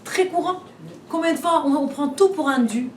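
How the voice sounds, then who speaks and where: This woman speaks at a moderate pace in a high, somewhat dark voice. She gives a relaxed, conversational class full of rhetorical questions, frequently repeating and restarting, in her teaching room. It's captured from a distance in a roomy space, with slight background noise.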